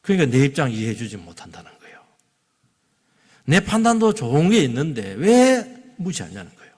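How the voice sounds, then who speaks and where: A male pastor preaching a Sunday sermon, his husky, gravelly voice rising into loud exclamations and dropping to near-whispered asides. His pitch swings widely as he presses each point. The long reverb of a church hall trails behind every phrase. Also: very animated, fairly quick. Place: church sanctuary.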